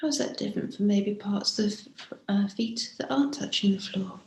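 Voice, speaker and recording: A mid-range female voice guides a body scan, the tone of a gentle teacher. Pauses come often, the pace never rushes, and each phrase fades out breathily. The recording carries a roomy, echoing quality.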